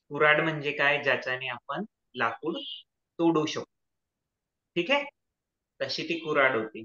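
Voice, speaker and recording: A man telling a children's story, pausing often to explain words and check that listeners follow. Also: medium pitch, sharp tone. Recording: echoey, slightly dull recording.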